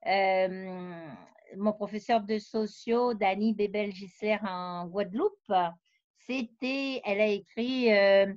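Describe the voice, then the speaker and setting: A woman's voice: medium pitch, takes it slowly, a little mellow, dry recording. Woman guest explaining her books, lots of euh, lo-fi dry call audio. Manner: thoughtful, explains at length with frequent hesitations. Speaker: researcher and novelist, interview guest. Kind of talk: conversational interview. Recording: dull lo-fi dry sound.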